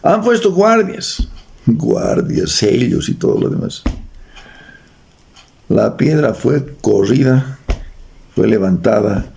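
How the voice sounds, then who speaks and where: A man's voice: medium pitch, sing-song, takes it slowly, gravelly, pauses often, darkish tone, a little hiss or hum. A man with a Bolivian accent preaching in a church, reading scripture aloud, joking with the congregation and quizzing them. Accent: Bolivian Spanish. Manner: reads verses aloud, adds jokes and quizzes the congregation.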